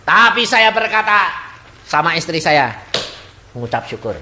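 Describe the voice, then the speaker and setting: Man, middle-aged, sermon, lively pitch, faint background noise. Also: measured pace. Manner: lively preaching, mimics voices, asks the congregation. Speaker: pastor.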